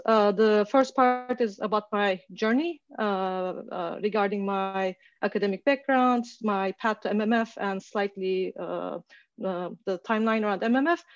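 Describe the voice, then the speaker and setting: A woman's voice: medium pitch, no room sound. Hesitant woman from Turkey, lo-fi call. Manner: hesitant, many fillers and restarts. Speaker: guest speaker. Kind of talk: casual online talk.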